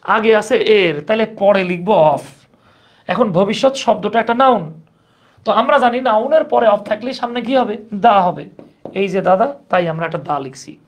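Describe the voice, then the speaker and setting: A man's voice: high voice, moderate pace. Male grammar teacher, conversational and joking, quizzes students as he explains. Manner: conversational, asks the class questions, jokes. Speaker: English teacher. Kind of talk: grammar lesson.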